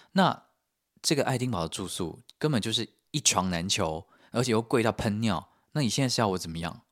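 A podcast host with a Taiwanese Mandarin accent tells a travel story in a lively, self-mocking way. His voice sits a little low for a man. He chats casually and directly to his listeners. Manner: animated, self-mocking, often laughing.

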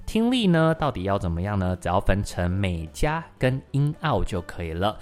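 A young man hosting an English-learning podcast lesson in a chatty, lively way, slowly modelling English sounds again and again. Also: on the low side. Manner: chatty, lively, with many sentence-final particles.

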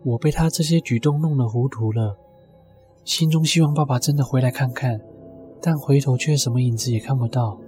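A man's voice: mid-range voice, fairly quick, dark tone. A man narrating a scripted first-person ghost story as a storyteller. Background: music.

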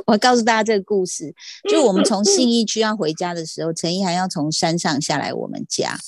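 A middle-aged woman, hosting a podcast and telling stories in a lively way, acting out other people's lines. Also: lowish voice, a little fast, dry recording, clean studio sound. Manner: animated, mimics others in quotes. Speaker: podcast host. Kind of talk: casual chat, storytelling.

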